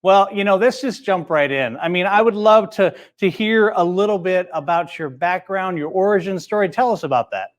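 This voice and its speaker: A male host leads a business interview in a friendly, conversational way. His voice sits high for a man, and he talks with easy, open curiosity. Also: moderate pace, hardly any pauses. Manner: friendly, scripted intro then conversational. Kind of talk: interview hosting.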